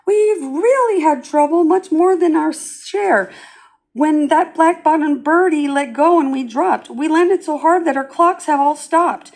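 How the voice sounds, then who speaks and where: A woman's voice: high voice, unhurried, pitched above the performer's own voice, rough recording. A woman reading aloud and voicing a tiny, grateful male mayor who speaks eagerly. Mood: distressed.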